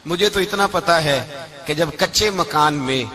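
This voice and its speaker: A man preaching a religious sermon, impassioned, moving from soft storytelling to shouts and slow chanted verses. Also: fairly high pitch. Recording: live event with audible crowd. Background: audience crowd.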